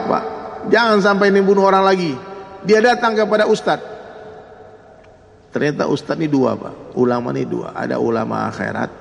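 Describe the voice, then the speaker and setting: A man delivers an animated sermon full of stories, speaking straight to his listeners. His slightly high voice has a gravelly edge. Long reverb from a large hall follows every phrase. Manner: animated, addresses the audience directly. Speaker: preacher. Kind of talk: humorous sermon storytelling.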